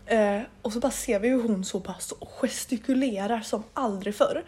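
A woman from Sweden chatting on a casual podcast. Her voice is fairly high and husky. She tells stories in a rambling way, full of fillers and restarts. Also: a little mellow. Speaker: podcast co-host. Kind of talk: casual chat. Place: living in Paris.

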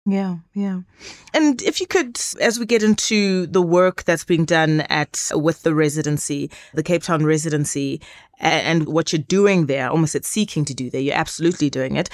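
A woman's voice: low-pitched, moderate pace, no echo, studio quality. A woman hosting a podcast interview, asking long, winding questions and giving frequent short affirmations. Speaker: podcast host.

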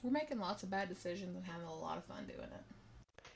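A young woman from the American South with a Southern accent, co-hosting a podcast and teasing her co-host with quick sarcastic remarks. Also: on the low side, expressive, gravelly, darkish tone, slight background noise. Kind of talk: casual chat.

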